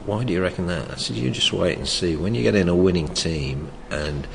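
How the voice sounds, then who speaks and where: Animated and brisk, an older former soccer coach speaks in a loud, low, gravelly voice during a reflective oral history interview. He still hesitates, restarting his sentences and chuckling often. Faint background noise sits under a long reverb.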